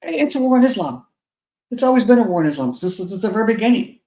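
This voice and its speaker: A blunt, heated talker on a casual podcast chat, tripping over restarts as the thoughts pile up. The voice sits mid-pitch and rings out with a big hall-like echo, as if recorded in a large bare room. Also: big pitch swings, fast talker, dark tone. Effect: echoey sound, as if in a big bare room. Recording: echoey, roomy mic sound.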